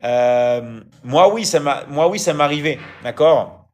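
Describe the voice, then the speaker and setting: A man's voice: on the high side, lively intonation, takes it slowly, a little mellow. A man hosting a casual live stream, answering viewer comments in a hesitant way, with frequent fillers and restarts, and often checking in with his audience. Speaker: live-stream host and coach.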